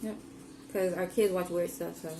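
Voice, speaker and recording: A woman's voice: on the low side, moderate pace. A young woman hosting a vlog, chatting casually to camera with lots of "like" and "um" fillers. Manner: chatty, rambling, many "like" and "um" fillers. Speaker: vlogger host. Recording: roomy with steady background noise.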